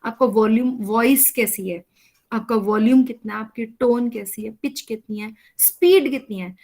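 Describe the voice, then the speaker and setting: A woman's voice: a little high, moderate pace, darkish tone. Woman teacher giving an online lecture. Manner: explains patiently, often checks with "है ना?". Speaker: college teacher.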